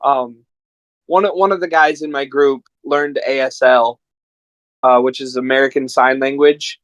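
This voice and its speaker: Unhurried and steady in tone, this medium-pitched man is a podcast guest and amateur voice actor spinning rambling, enthusiastic stories in casual chat. There's no room sound, though the recording itself is rough.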